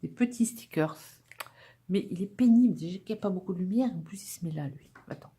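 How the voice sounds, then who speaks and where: A woman's voice: fairly low pitch, lively intonation, brisk, dark tone, breathy edge. A woman vlogger chatting casually to camera as she unpacks a craft-supply haul, upbeat and full of little fillers. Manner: chatty and enthusiastic, with many fillers.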